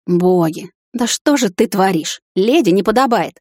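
A woman's voice: medium pitch, animated, measured pace, no room sound, studio quality. A woman voicing a stern young male captain and hunter who scolds and coaxes his fiancée, in a storybook reading. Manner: scolding then softly coaxing.

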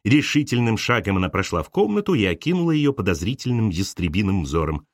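A man narrating an audiobook in an expressive, animated way. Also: lowish voice, fast, no echo, studio quality.

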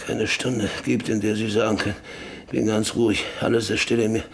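Acting in a German radio drama, a man plays a stubborn, guilt-ridden middle-aged landowner who broods haltingly and repeats his phrases in a tormented, brooding mood. His voice is on the low side, gravelly, with a flat delivery.

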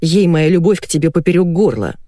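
A lying husband in an audiobook scene, curt and snappish, barking short orders and denials, as a woman reading the book puts him on. Close, dry sound with lively swings in pitch. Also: a little fast, dry recording, lightly acted. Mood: defensive.

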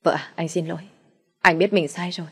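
A woman's voice: on the low side, fairly even intonation, a little fast, a bit bright, slightly rough. A woman voicing a remorseful young husband who begs his wife's forgiveness. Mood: pleading. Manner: pleading.

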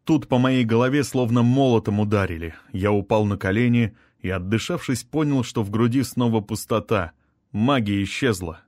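A man narrating a first-person fantasy audiobook in a steady, measured reading. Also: lowish voice, no echo, studio quality. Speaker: audiobook reader.

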